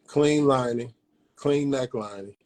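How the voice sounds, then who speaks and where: A man, telling stories casually in a slangy, animated way. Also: medium pitch, slow. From Peoria, Illinois, USA. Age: 50s. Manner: animated retelling with acted-out dialogue, slangy. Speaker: barber telling his story. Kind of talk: casual storytelling in an interview.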